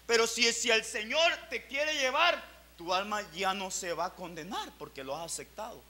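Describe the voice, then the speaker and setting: Male pastor, sermon delivery, very high and piercingly bright voice, fervent with surging volume. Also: animated, normal speed. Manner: fervent preaching with swelling and dropping loudness.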